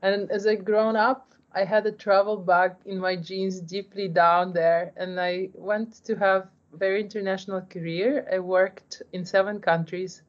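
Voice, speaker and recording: A woman's voice: medium pitch, steady tone, unhurried, few pauses, lo-fi sound. A woman, a startup founder answering interview questions earnestly, often restarting her sentences. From Ukraine, raised in Poland. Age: 40s. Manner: earnest, with frequent restarts and repeated words.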